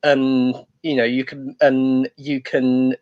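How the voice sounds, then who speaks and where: A man doing a stand-up comedy set, hesitant and rambling, with many pauses and restarts. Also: medium pitch, level tone, a little mellow, dull audio.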